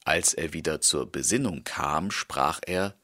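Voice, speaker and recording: A man narrating a fairy tale for an audiobook in a slow, expressive storytelling manner. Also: very deep voice.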